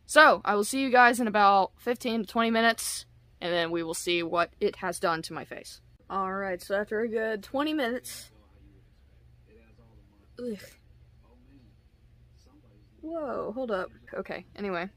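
A woman's voice: mid-range voice, normal speed, long pauses, a bit bright. A woman casually reviewing skincare products on a vlog, giggly, self-deprecating and rambling.

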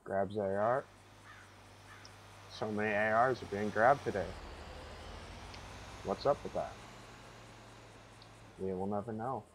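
A man's voice: lowish voice, slow pace, pauses often, a little hiss or hum. A man giving gameplay commentary, rambling through confused asides to himself. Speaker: gamer.

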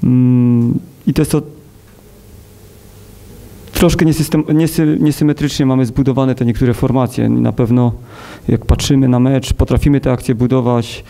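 A man in his thirties, a football coach, talking at a post-match press conference in a measured, hesitant way with many fillers, into a table mic. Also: mid-range voice, steady tone, vocal fry, mellow. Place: press conference room with sponsor wall.

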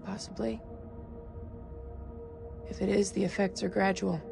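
Creaky, sardonic wounded scientist. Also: female voice, mid-range voice, level tone, measured pace, music in the background. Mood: sick, weary. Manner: sardonic, weary. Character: injured, infected female scientist, bitterly sarcastic and weary. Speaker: video game character actor. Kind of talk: cinematic horror game acting.

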